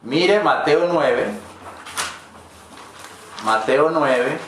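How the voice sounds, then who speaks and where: A man's voice: a little high, drawn-out words. Echoey preaching man with folksy asides. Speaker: pastor. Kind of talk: sermon. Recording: very echoey church hall with faint noise.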